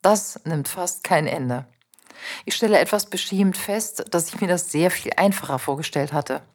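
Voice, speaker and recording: Woman calmly reading a first-person story. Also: on the low side, normal speed, slightly rough. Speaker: narrator. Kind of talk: first-person audiobook narration.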